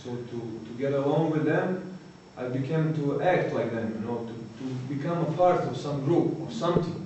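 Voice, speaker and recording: Croatian man, halting talk in an echoey hall. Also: medium pitch, dull audio. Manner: halting, searching for words, frequent "you know". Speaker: recovering addict giving testimony. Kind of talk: personal testimony talk. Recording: echoey hall, distant mic, faint noise.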